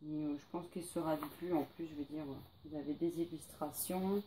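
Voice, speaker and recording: A woman's voice: low-pitched, fairly even intonation, moderate pace, warm tone, slight background noise. A woman presenting her pile of books to read in a casual vlog, listing titles with many hesitations and fillers. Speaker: book vlogger.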